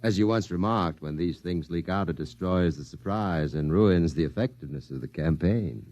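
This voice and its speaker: A man acting a mysterious client in a 1950s radio play. His very low voice is measured, formal and guarded, coming through a muffled vintage recording. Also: a little mellow, natural voice. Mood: cool, guarded.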